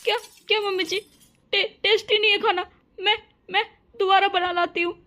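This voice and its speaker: A woman voicing a gentle young daughter-in-law in a cartoon story, speaking softly and hesitantly. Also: extremely high pitch, a little slow. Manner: soft, pleading, hesitant.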